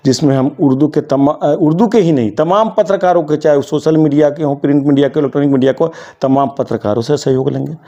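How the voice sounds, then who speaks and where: A man's voice: on the high side, fast talker, hardly any pauses, warm tone. Emphatic man exhorting in dull audio. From Bihar, India. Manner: emphatic, exhorting, slips into Urdu vocabulary. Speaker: interview guest, journalist and committee secretary. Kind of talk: earnest interview answers.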